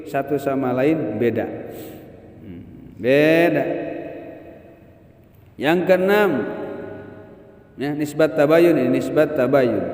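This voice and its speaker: A man teaching an Islamic grammar lesson, animated, chanting Arabic verses and slipping into slang. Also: a little high. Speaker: religious teacher. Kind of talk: kitab study lesson. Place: mosque hall. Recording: echoey hall reverb.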